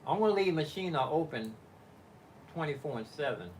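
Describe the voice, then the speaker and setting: With a fairly high, expressive, and slightly mellow voice, an older man talks fairly quickly on a live stream from his living-room home studio. His casual chat meanders and stalls, full of fillers and restarts as he thinks aloud. Slight background noise is present.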